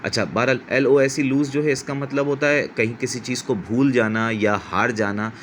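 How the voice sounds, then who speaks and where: A man's voice: mid-range voice, fairly even intonation, normal speed, a little hiss or hum. A middle-aged man from Pakistan teaching English vocabulary in a patient, explanatory way, repeating words to model their pronunciation and correcting himself as he goes. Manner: corrects himself mid-sentence.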